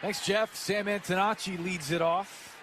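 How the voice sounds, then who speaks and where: Unhurried and fairly even in intonation, a high-pitched American man calls live baseball for radio. He's working from a stadium broadcast booth, with the ballpark's ambience clearly present.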